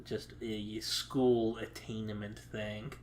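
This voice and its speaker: A man casually chatting on a podcast as co-host, halting with lots of filler pauses and dry, crude jokes. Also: fairly low pitch, little pitch movement, a little hiss or hum.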